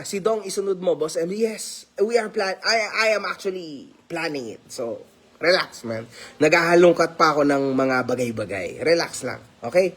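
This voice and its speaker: A man's voice: sits high, pushed and bright. A man talking casually to his viewers as a vlogger, teasing and laughing often and mixing English phrases into his talk. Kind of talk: casual commentary vlog.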